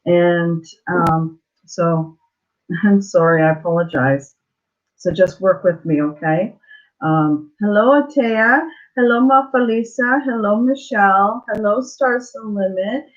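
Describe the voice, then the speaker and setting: Halting woman livestreamer, swollen mouth after dental surgery. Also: medium pitch. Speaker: livestream host. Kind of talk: casual live chat greeting viewers. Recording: dull lo-fi livestream audio.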